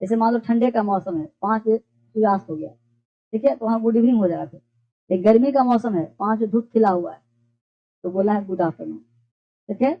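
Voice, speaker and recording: A woman's voice: medium pitch, a little fast, long pauses. A woman teaching a basic English class, explaining phrases patiently and quizzing her students with repeated questions. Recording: dull lo-fi classroom recording.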